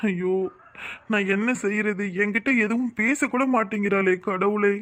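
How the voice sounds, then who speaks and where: A man's voice: sits high, steady tone, normal speed, fairly bright tone. A man voicing a worried family man who frets and pleads to himself. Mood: distressed. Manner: fretful, pleading. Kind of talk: cartoon voice acting.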